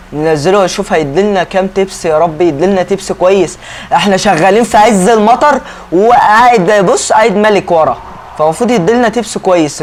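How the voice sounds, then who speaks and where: A man's voice: high voice, a little hiss or hum. A young man with an Egyptian Arabic accent giving chatty, joking gameplay commentary to his viewers, bursting into mock outrage now and then. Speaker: gaming YouTuber.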